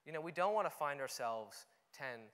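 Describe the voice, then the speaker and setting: A young Canadian man speaks on an auditorium stage as a conference speaker, his voice on the high side, expressive, fairly bright, and at a moderate pace. His talk is earnest and conversational, sprinkled with frequent "you know" fillers, and the recording carries long hall reverb.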